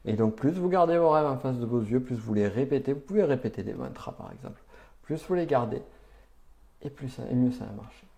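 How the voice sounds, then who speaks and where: A man's voice: mid-range voice, expressive, a little fast, creaky, dark tone. A man giving an upbeat, chatty live-stream talk on personal development, answering viewers' chat comments with emphatic asides.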